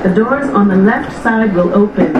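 Female train announcer over the cabin loudspeaker; calm, even recorded delivery in a boomy car. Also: normal speed. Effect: onboard train loudspeaker announcement. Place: inside a moving train car. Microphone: camera recording the cabin speaker from a distance. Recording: echoey train car, distant speaker, muffled, loud rumble.

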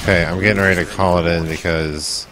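A man with a low voice commentates casually on his live game stream. He rambles in a laid-back, boastful way. Shooter gunfire and explosions are clearly audible behind him. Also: fairly even intonation, a little fast, heavy background noise.

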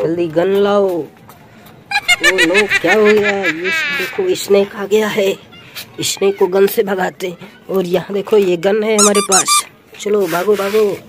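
A woman narrating toy play for children, exclaiming over the toys and coaxing them like little kids. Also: mid-range voice.

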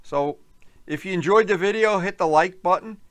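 A man's voice: high-pitched, moderate pace, fairly bright tone. A man hosting a video in a hangar, chatting eagerly and exclaiming in amazement. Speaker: video host. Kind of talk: casual interview chat. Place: aircraft hangar.

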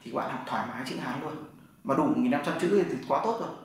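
A man's voice: medium pitch, lively intonation, fast talker. A man teaching in a classroom. He explains step by step and keeps asking whether the class follows. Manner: explains step by step, often asks "right?" to check. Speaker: Chinese language teacher. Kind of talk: classroom lesson. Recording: echoey room from far off, faint noise.

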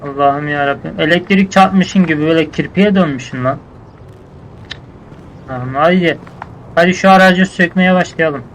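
A man's voice: on the high side, moderate pace, pauses often, fairly bright tone, a little hiss or hum, rough recording. Bossy man barking orders. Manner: bossy, scolding, slangy street talk. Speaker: game roleplay streamer. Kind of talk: casual in-character game roleplay.

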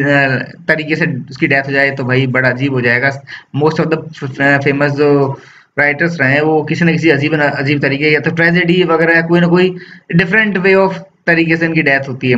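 A man's voice: on the high side, fairly bright tone. A man with an Indian accent giving a literature lecture, reading English lines from a story and explaining them in Hindi. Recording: dull lo-fi sound with faint noise.

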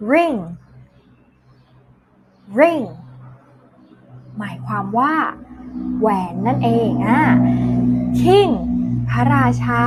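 A woman teaching English to kindergarten children, saying each word slowly and clearly, repeating it, then explaining it. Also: on the high side. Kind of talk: slow vocabulary drill lesson for small children.

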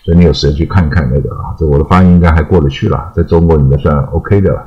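A man's voice: very deep voice, steady tone, racing, lo-fi sound. An older man giving an informal, rambling spoken English lesson, chatty, with frequent trailing particles. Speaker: English teacher.

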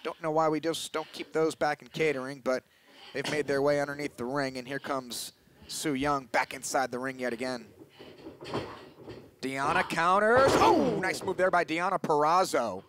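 A man's voice: on the high side, moderate pace. A man doing live play-by-play wrestling commentary. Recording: clear background noise.

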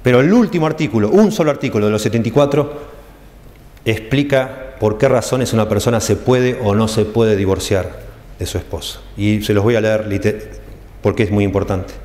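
A man with a fairly low, slightly mellow voice and a Rioplatense Spanish accent preaches a teaching sermon in a church hall at a moderate pace. He explains the texts carefully and stresses key phrases, and the hall adds a long, echoey reverb.

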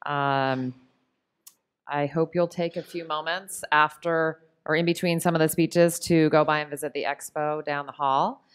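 Woman, middle-aged, low pitch, clear resonant voice, podium mic, conference room talk. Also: unhurried. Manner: steady, earnest, with frequent "um"s. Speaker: panel speaker. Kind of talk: prepared policy talk. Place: conference room on Capitol Hill. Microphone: podium microphone.

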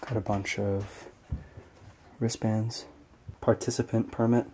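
A man exploring an abandoned speedway building, giving quiet, offhand commentary. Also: lowish voice, takes it slowly, very noisy. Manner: quiet, flat, offhand remarks. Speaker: urban explorer filming a walkthrough.

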